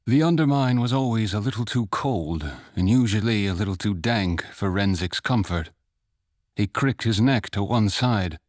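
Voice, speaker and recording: A man narrating a fantasy short story in a measured, even storytelling manner. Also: lowish voice, no echo, studio quality, natural voice. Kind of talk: scripted audiobook narration.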